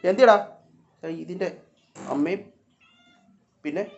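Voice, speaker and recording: A man filming a casual vlog, talking to his cats, coaxing them and now and then scolding them in loud, high calls. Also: a little slow, dull audio, a little hiss or hum. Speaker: vlogger. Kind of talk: casual vlog talk to camera and pets.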